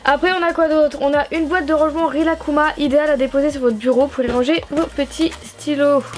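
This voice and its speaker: A woman's voice: high-pitched, fairly even intonation, fast talker. A young woman from France chatting through a stationery box unboxing, gushing and enthusiastic, with frequent fillers. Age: young adult. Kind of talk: casual vlog unboxing.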